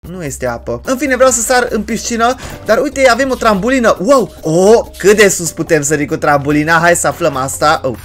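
A gaming channel host giving loud, chatty let's play commentary, often breaking into shouted exclamations and chatting to the game's characters. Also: medium pitch, animated, few pauses, faint music behind. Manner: chatty, addresses viewers and game characters. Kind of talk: excitable horror-game let's play commentary.

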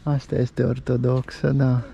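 A man's voice: medium pitch, flat delivery, creaky, warm tone. A man vlogging casually as he walks through an old town, pointing out sights, food and prices. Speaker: travel vlogger. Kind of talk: casual walking-tour commentary. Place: outdoors in a pedestrian old town. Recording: lo-fi outdoor recording with street noise.

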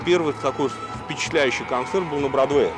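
Man, outdoor interview, measured explaining, mid pitch, music bed. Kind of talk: casual interview talk.

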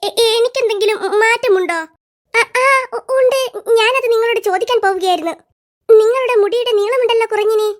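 A voice actor voicing squeaky schoolkids in an animated comedy, trading quick teasing banter. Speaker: cartoon voice actor.

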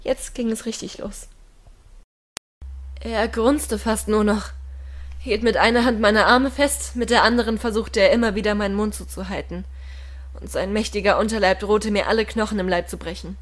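A woman reading a first-person audiobook dramatically and emotionally, swinging from hushed, whispered passages to loud, strained ones. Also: medium pitch, fairly even intonation, normal speed. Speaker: audiobook reader.

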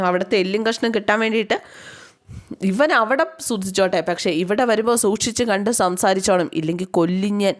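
A woman's voice: mid-range voice, natural voice. Woman doing a harsh, threatening elder brother.

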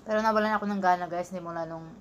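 A woman's voice: fairly low pitch, steady tone, rapid-fire, slight background noise. A woman vlogger chatting casually to her viewers with her mouth full while eating. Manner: chatty, addresses viewers as guys. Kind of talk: casual mukbang chat.

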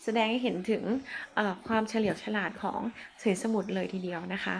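A woman teacher walks through classic verse and exam questions, reading each line aloud before explaining it in everyday terms. Her pitch sits in a middle range and her tone stays polite and patient. A faint noise runs under the recording. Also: brisk. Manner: polite and explanatory, ends phrases with "na kha", reads verse aloud then paraphrases. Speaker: Thai literature teacher.

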